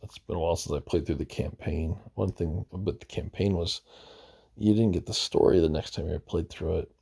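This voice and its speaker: Deep gravelly man, rambling game talk. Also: fairly quick, dark tone. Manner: rambling, hesitant, self-correcting. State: losing his voice. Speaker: gaming video host. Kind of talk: casual gameplay commentary.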